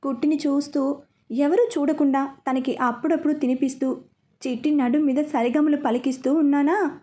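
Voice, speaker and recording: High-voiced woman narrating a romance story. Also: normal speed. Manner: expressive, chatty narration. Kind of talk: first-person story narration.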